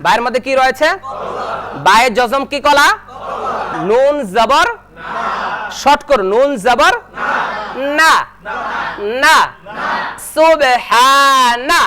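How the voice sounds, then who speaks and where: A male Quran teacher leading a televised lesson, spelling out Arabic syllables and chanting them slowly for students to repeat. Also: very high-pitched, noisy background. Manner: slow drawn-out chanting of syllables, brisk instructions in between.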